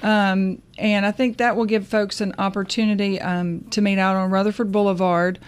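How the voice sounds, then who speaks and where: A woman's voice: mid-range voice, flat delivery, normal speed, clean tone. A woman from the university staff, chatting as a radio guest in a hesitant, friendly way with frequent fillers. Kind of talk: casual interview chat.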